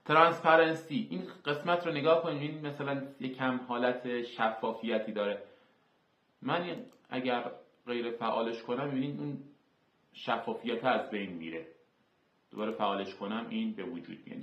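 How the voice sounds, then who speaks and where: A man hosting a screen-recorded software tutorial, explaining each term step by step with filler sounds. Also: mid-range voice. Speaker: tutorial host. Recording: echoey, dull lo-fi room.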